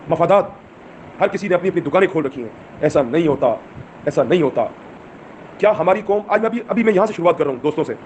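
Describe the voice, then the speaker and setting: Urging his followers on with rhetorical questions, a man leading a movement speaks with urgent passion. His high-pitched voice has a darkish tone, and the lo-fi recording carries a little hiss or hum.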